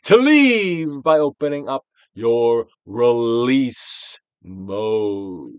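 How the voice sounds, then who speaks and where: In a medium-pitched, smooth and expressive voice, a male actor gives a theatrical audiobook reading of a self-help book. He swings between near-whispers and forceful projection, with deliberate pauses, and the recording has no echo.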